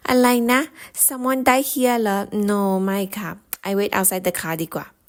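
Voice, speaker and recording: A woman voicing a fussy, superstitious Thai auntie with a Thai accent and halting, theatrical broken English. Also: medium pitch, steady tone, close to an everyday voice. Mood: indignant refusal.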